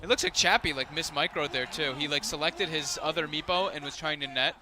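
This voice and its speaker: A man giving analytical esports color commentary, talking fast with many fillers like "like" and "you know". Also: on the high side, fairly even intonation.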